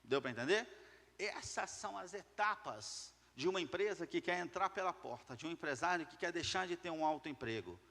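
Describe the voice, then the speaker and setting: A man's voice: a little high, lively intonation, brisk, sharp tone. A man with a slightly raised voice gives a punchy motivational talk to entrepreneurs. He hammers his points home through repetition and keeps asking the crowd questions. His voice rings with the long reverb of a large hall. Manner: emphatic, repeats key words, asks the audience questions. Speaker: business speaker addressing entrepreneurs. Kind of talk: motivational talk to a live audience.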